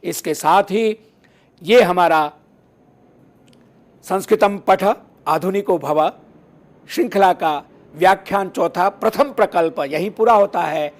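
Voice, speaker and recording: A man giving a recorded lecture, reciting word forms one by one in a slow, deliberate way and stressing the endings. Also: high-pitched. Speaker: Sanskrit lecturer.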